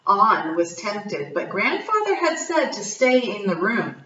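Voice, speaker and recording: Slow, bright woman reading to kids. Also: medium pitch, very animated, roomy sound, recorded from a distance, highs cut off. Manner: gentle, asks children questions. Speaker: storyteller. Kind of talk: children's read-aloud.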